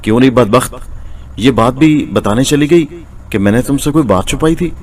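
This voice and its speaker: A man voicing a nervous, quick-tempered village potter in a storybook tale. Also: medium pitch, voice pushed up, lightly acted. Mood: angry. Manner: evasive then angry.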